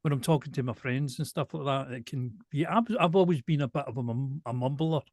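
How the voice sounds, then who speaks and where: Glaswegian man, softened accent, slow and deliberate delivery, dry close recording, mid pitch. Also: dry recording. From Glasgow, Scotland. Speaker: show presenter and singer, interviewee. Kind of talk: casual conversational interview.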